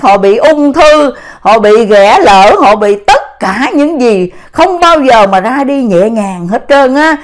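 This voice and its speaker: A woman talks to her viewers in a loose, rambling way, with a fairly high voice. She strings her thoughts together with many fillers and keeps turning to address her audience directly. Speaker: spiritual vlogger. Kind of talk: casual spiritual talk to viewers.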